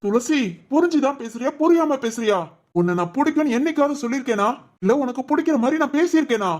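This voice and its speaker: A woman plays an earnest young cartoon groom with a southern Tamil Nadu accent. He sounds firm and pleading, in a voice set a little high for a man. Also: animated, quick pace, a little mellow. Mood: exasperated. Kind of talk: cartoon voice acting.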